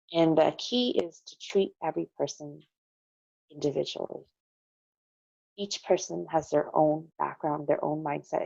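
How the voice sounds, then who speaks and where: An interview guest from Connecticut, a middle-aged American woman, explains things earnestly from personal experience, returning to phrases for emphasis in a conversational way. Her low voice carries vocal fry and a mellow quality, with no room sound and a muffled recording.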